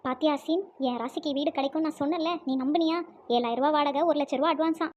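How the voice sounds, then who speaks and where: Cartoon: woman voicing a fretful housewife, high fast voice, slightly dull recording. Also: a little mellow, slight background noise, lightly acted. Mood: flustered. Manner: exclaiming, fretful, scolding. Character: flustered thrifty housewife hunting for a flat.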